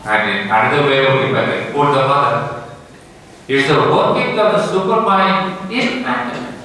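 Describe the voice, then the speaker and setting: A man's voice: mid-range voice, expressive, unhurried, pushed and bright, distant mic, slight background noise. Man lecturing in an echoey hall. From India. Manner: earnest, emphatic, rising and falling lecture delivery. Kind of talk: spiritual public talk.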